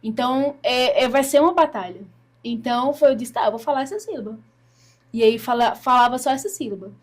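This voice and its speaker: A woman's voice: on the high side, lively intonation, fairly quick. A Brazilian woman telling her personal faith story in an earnest way, acting out what she said back then. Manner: earnest storytelling, acts out her own past words. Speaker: guest giving a testimony.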